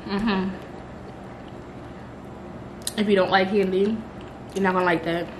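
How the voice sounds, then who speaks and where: A woman's voice: medium pitch, steady tone, background noise. A young woman in a casual chatty review, talking while chewing, candid and offhand. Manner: chatty, candid, drawn-out slang. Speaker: vlogger.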